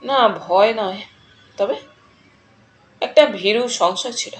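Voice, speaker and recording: A woman reading the part of a gentle, shy young man who speaks softly and tenderly. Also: mid-range voice, slow pace, lightly acted. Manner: soft, tender, hesitant.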